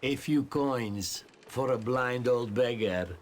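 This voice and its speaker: A man's voice: mid-range voice, a little hiss or hum, natural voice. A man playing a meek blind old beggar. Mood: pleading. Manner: slow, pleading and humble.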